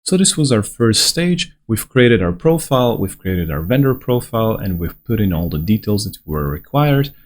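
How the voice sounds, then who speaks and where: In a screen-recorded onboarding walkthrough, a Slovenian-native man with a low, lively voice takes users through the software at normal speed. He pauses little and talks in a friendly, reassuring way, guiding each step conversationally.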